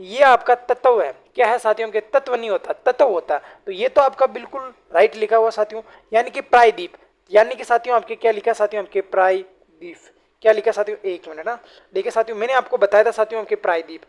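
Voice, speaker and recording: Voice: medium pitch, quick pace. A woman teaching an online exam-prep lecture. She keeps asking rhetorical questions, answers them herself, and keeps addressing her listeners as friends.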